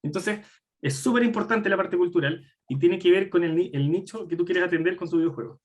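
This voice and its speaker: A man's voice: sits high, brisk. A man, speaking as a guest lecturer who answers audience questions bluntly, with wry asides and many fillers. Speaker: guest lecturer on game development. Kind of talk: live online talk answering audience questions.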